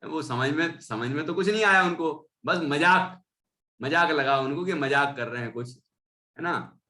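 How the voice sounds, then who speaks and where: Bright-voiced Hindi teacher explaining scripture. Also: male voice, fairly high pitch, a little slow. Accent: Indian Hindi. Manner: reads a verse, then explains with tag questions. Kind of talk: explaining a scripture text in class.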